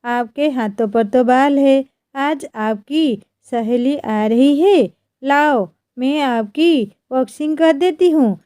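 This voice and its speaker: A woman's voice: sits high, takes it slowly, dark tone, smooth, no room sound, studio quality. A woman voicing a brash, pushy young bride in a bossy, teasing manner.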